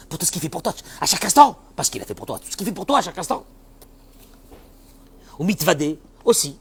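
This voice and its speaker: A man's voice: a little high, husky. Impassioned man giving a sermon. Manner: impassioned, urges listeners directly, swings from soft to loud. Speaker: rabbi.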